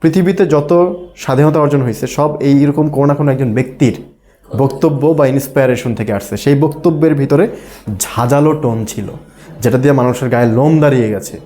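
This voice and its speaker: A man's voice: mid-range voice, a little fast, dark tone. Bangladeshi teacher questioning his class. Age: middle-aged. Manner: asks students questions, acts out tones. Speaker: ESL teacher. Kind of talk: classroom lecture.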